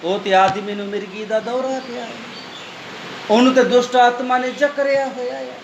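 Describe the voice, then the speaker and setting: A Punjabi-accented pastor preaches to a congregation and echoes back each verse as it is read aloud. The room rings with echo, and loud background noise hisses under his voice. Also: extremely high pitch, steady tone, normal speed, creaky. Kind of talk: Punjabi sermon with call-and-response Bible reading.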